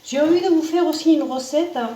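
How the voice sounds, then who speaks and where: A woman's voice: high-pitched, a little fast, mellow. A woman with a Spanish accent hosting a casual home cooking demonstration, chatting as she cooks and often adding "hein" and "voilà". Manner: chatty, repeats "hein" and "voilà", restarts words. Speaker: home cooking video host. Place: home kitchen with a sizzling pan. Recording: roomy distant kitchen sound, faint noise.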